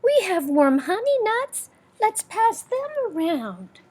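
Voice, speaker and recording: A woman's voice: very high voice, big pitch swings, slow pace, darkish tone, voice pushed up, full character voice. An older woman voicing friendly, generous little woodland animals in a children's storybook, eager to share.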